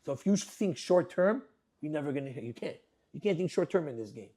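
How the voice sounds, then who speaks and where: A man's voice: on the high side, animated, fairly quick, dark tone, slightly rough. A young adult man and restaurant owner, chatting as a guest in an interview, who tells stories animatedly and acts out his customers and workers. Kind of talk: casual interview chat.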